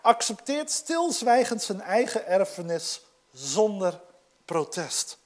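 A preacher in full sermon mode with a very animated voice that swoops up and down in pitch and sits at a middling height. The delivery swings between forceful emphasis and soft, drawn-out asides while walking listeners through a scripture text. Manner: dramatic swings between loud emphatic passages and near-whispered asides; explains a scripture text to a congregation.

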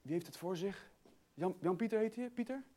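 Male preacher, very lively pitch, shifts between loud and soft. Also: fairly quick. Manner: animated, laughing, swinging between loud emphasis and soft asides. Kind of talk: sermon.

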